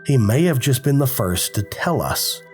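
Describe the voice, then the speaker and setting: A man with a sick voice, hosting a paranormal channel and narrating eerie stories in a dramatic, hushed way. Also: medium pitch, very animated, normal speed, faint music behind. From Appalachian foothills, US. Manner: dramatic, hushed storytelling with casual asides. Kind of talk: spooky storytelling narration.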